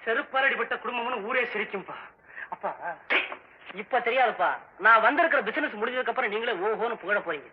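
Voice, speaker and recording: Boastful young wannabe director, super high pitched, theatrical, dull old film sound. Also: male voice, lively intonation, fast, breathy edge, heavily acted. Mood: scheming. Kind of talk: vintage film comedy acting.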